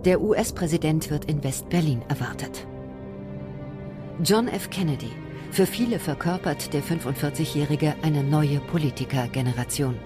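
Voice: medium pitch, normal speed, music in the background. A narrator reading an archival news report in a formal announcing tone. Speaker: newsreel narrator.

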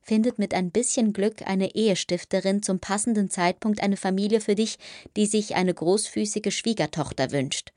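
A woman's voice: medium pitch, normal speed, hardly any pauses, a little mellow, no echo, studio quality, natural voice. A woman reading an audiobook, voicing a stern but kind motherly servant woman who scolds firmly. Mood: scolding. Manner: scolding, firm.

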